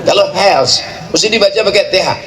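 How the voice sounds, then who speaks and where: Joking preacher, echoey venue. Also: male voice, sits high, crowd noise. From Indonesia. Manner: playful, joking, rapid chanted Arabic recitation. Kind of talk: sermon at a large religious gathering. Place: large outdoor or hall gathering at a boarding school. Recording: echoey venue with faint ambient noise.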